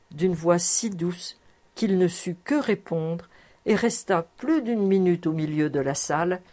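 A woman narrating a classic novel aloud in a measured, expressive way. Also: on the low side. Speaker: audiobook reader.

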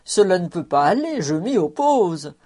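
A woman's voice: lowish voice, sing-song, moderate pace, mellow, husky. A woman reading the lines of a fussy, self-important man with a cane in a storybook, in a protesting, judicious manner.

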